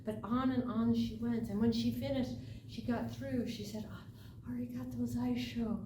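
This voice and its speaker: A woman telling a folk tale aloud as a live storyteller, dramatic and deliberate, with emphatic phrases and pauses. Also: a little high, fairly even intonation, warm tone. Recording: echoey, distant mic, noisy room ambience.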